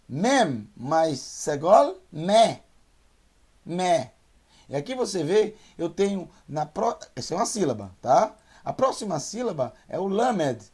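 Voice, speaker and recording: Man, Hebrew teacher, slow deliberate pace, gravelly husky voice, repeats syllables. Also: on the high side, a little mellow. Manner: patient, repeats syllables slowly and drills pronunciation. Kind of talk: online language lesson.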